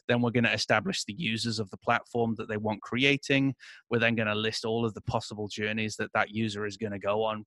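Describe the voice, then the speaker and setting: A man explaining a software setup during an interview, walking through his screen in a relaxed, filler-heavy way. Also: lowish voice, no echo. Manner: explanatory, many fillers and "et cetera". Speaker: interview guest, agency owner. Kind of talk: casual screen-share walkthrough.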